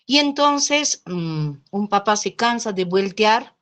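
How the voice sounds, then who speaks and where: A woman's voice: mid-range voice, slow. A woman lecturing in sociology class, telling stories and checking in with listeners through little question tags. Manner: lively storytelling, often adds checking tags like "¿no?" and "¿sí?". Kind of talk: lecture told through anecdotes.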